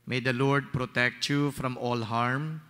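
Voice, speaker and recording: Man, priest, slow solemn intoning, bright edge, long cathedral echo. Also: mid-range voice, little pitch movement. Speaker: priest presiding at Mass. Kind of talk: liturgical prayer and blessing. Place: large church. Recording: long church reverb on a PA mic.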